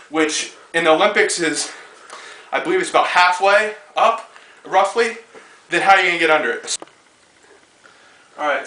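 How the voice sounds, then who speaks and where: Bright-voiced young man in an echoey gym. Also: on the high side. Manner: casual, talks while lifting, with frequent fillers. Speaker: strongman athlete and coach. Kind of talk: spoken lifting demonstration. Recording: echoey room, voice far from mic.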